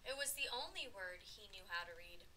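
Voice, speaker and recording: A woman who teaches preschool, reading a picture book aloud with animated, slow storytelling. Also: mid-range voice, a little hiss or hum, poor audio.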